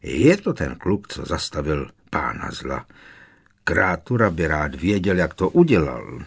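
In an audiobook, a man voices a bitter, servile old male house-elf in a rumbling low, creaky, husky, exaggerated, very animated voice. The elf sounds resentful, muttering to himself under his breath.

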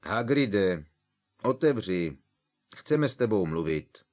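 A man voicing a determined schoolboy wizard who talks quiet and firm. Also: deep voice. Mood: forceful. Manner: quiet, then firm and forceful.

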